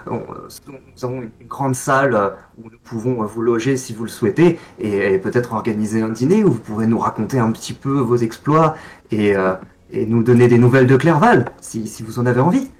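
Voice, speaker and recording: A man's voice: mid-range voice, a little fast, lightly acted. A man playing a stammering, courteous village mayor. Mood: flattered. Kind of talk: tabletop role-play.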